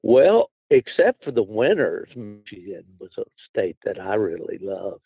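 A man's voice: lowish voice, very animated, measured pace, vocal fry, husky, no room sound, narrow, tinny audio. An older man hosts a casual outdoors podcast in a folksy, plain-spoken way. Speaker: podcast host.

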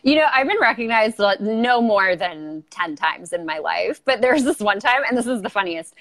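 A woman's voice: mid-range voice, lively intonation, moderate pace, low-quality recording. A woman with a Valley Girl accent chatting casually as an interview guest, giggly and self-deprecating, saying "like" often. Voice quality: can be loud. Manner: valley girl talk, heavy use of like. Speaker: interview guest, online video creator. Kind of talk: casual chat.

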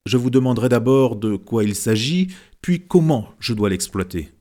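A man's voice: medium pitch, lively intonation, moderate pace, mellow, lightly acted. A man voicing an arrogant, boastful wealthy painter who talks brashly and familiarly.

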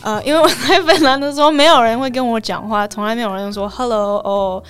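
Lively young woman guest, from Canada. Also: a little high, fast talker, clear, resonant tone. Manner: animated, acts out quoted dialogue, laughs often. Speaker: podcast guest, graduate student. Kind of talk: casual chat.

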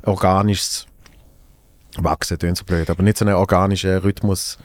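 A man with a Swiss German accent talks shop on a comedy podcast, thinking out loud and circling back to his points. His voice is low. The recording is close and dry. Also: level tone, normal speed, no room sound. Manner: rambling, thinking aloud with restarts. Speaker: guest, stand-up comedian. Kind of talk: casual podcast chat.

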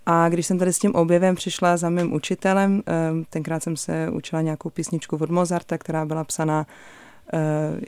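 A young woman's voice sits unusually deep for a woman, smooth and clean in tone, though her pitch barely moves. She tells her story animatedly, with frequent hesitations, as an interview guest. The sound is dry and close. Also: no echo. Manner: animated, many hesitation fillers. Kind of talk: conversational storytelling.

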